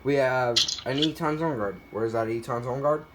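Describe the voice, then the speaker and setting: A man with a medium-pitched voice, speaking at a moderate pace over heavy background noise, shows off his weather radio collection. The show-and-tell is casual and unscripted, and he's a bit self-deprecating about it.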